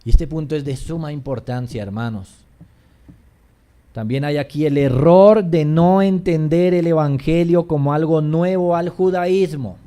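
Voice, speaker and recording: Mellow-voiced male pastor preaching. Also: a little slow. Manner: preaching with swings between soft low passages and raised emphatic ones; addresses the congregation directly as brothers. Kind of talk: sermon.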